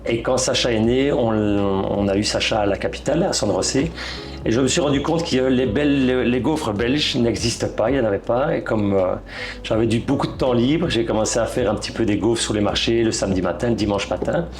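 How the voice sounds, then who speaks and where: A man's voice: medium pitch, a little fast, soft background music. A Belgian man in his thirties with a Belgian French accent, talking casually as an interview guest, often restarting his sentences. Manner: hesitant, many restarts. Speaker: guest, real estate broker.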